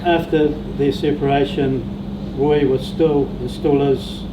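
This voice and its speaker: A man, the oldest brother-in-law, giving a steady and lightly humorous eulogy at a funeral. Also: medium pitch, takes it slowly. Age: older. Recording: roomy venue heard from a distance with background noise.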